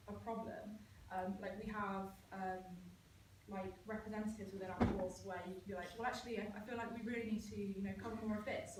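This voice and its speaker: A woman's voice: mid-range voice, noisy background. A young woman student chatting to visiting schoolchildren, full of 'like' and 'um'. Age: young adult. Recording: echoey room, voice from a distance.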